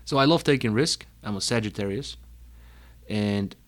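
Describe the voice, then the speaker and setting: Young Bulgarian-accented man, emphatic personal talk, lowish voice. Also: normal speed. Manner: energetic, emphatic, lists words one by one. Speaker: speaker telling his life story.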